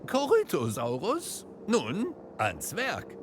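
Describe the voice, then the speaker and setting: An actor playing a genial, joking park guide in a video game, with a jaunty, self-deprecating manner. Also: male voice, sits high, huge pitch swings, slow, noisy background, full character voice. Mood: proud, upbeat. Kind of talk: scripted video game character dialogue.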